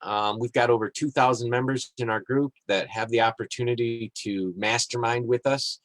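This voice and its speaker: Man hosting a relaxed, rambling podcast. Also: medium pitch, normal speed, dry recording, poor audio. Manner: relaxed, rambling, with fillers and chuckles. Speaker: podcast host. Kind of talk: casual podcast talk, reading passages aloud. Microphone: live-streamed podcast mic.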